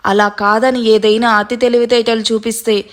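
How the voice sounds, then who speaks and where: A woman's voice: a little high, level tone, normal speed, close to an everyday voice. A woman voicing a vengeful, scheming young man who threatens and dominates his bride-to-be. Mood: threatening.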